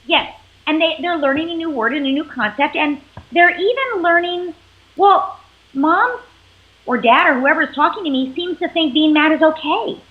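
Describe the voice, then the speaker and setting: A woman psychologist explaining parenting as an interview guest, animated and acting out what parents and children say. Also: high voice, normal speed. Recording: tinny phone-like line.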